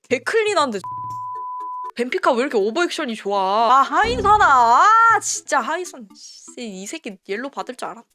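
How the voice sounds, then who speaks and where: A woman streaming a live football match reaction, emotional and swearing, yelling at the players. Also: very high voice.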